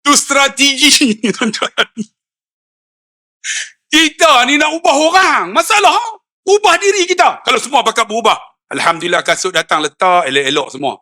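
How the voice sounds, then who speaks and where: A middle-aged man with a Malaysian Malay accent preaching a lively sermon, acting out quoted dialogue and swinging from low asides to high emphatic peaks. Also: normal speed. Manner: acts out quoted dialogue in storytelling. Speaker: religious preacher.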